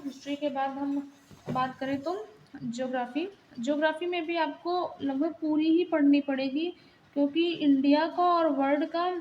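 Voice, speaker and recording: A woman's voice: sits high, darkish tone, highs cut off, a little hiss or hum. A young woman giving a casual exam-prep lesson, explaining plainly while pointing things out in a book.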